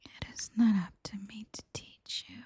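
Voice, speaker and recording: A woman's voice: a little high, fairly even intonation, measured pace, gravelly, dark tone, breathy edge, full character voice. A woman voicing a cold, devoted female cult follower in a whispered role-play, curt and formal.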